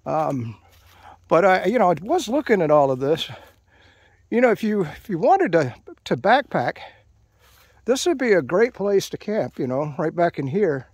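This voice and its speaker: This middle-aged man's voice is high-pitched and swings widely in pitch, with a moderate pace and a slightly mellow, slightly rough quality and no echo. Walking an outdoor trail, he narrates his hike as an off-screen voice on a handheld action camera. His casual commentary to camera is loaded with fillers and restarts.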